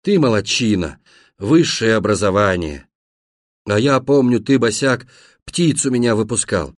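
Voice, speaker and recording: A man reading an audiobook and voicing a deaf, bedridden grown man who talks loudly in a deep, husky voice. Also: expressive, a little slow, no echo, studio quality. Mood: loud, gruff.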